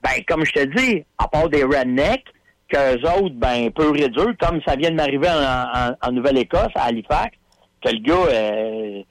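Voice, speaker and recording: A man with a Quebec French accent spins stories on a casual radio program, speaking slowly in a medium-pitched voice. The audio is poor, though without echo. He tells them with animation, heavy on folksy slang and filler words.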